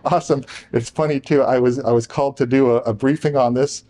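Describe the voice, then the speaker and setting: A man's voice: medium pitch, steady tone, dark tone. A man presenting a technical talk to a live audience in a conference room, hurrying with restarts and joking asides to the room. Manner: rushed, talking fast with restarts.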